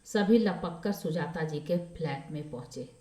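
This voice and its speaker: Woman, storyteller, measured expressive narration, slightly low pitch, echoey room. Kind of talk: scripted narration.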